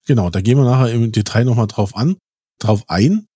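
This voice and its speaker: A man's voice: mid-range voice, fairly quick, mellow, husky, no echo. A man hosting a podcast interview from a studio, moderating in an upbeat, informal way. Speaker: podcast host.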